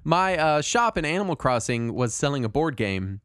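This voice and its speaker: A man's voice: a little high, sing-song, normal speed, fairly bright tone, no room sound, studio quality. A man, chatting casually as a podcast co-host in a hesitant, rambling way. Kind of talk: casual chat.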